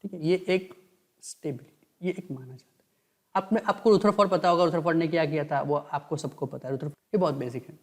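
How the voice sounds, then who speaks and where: A man teaching a chemistry lecture in Hindi mixed with English terms. He asks and answers his own questions and dictates notes slowly. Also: on the high side, a little mellow. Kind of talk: online lecture.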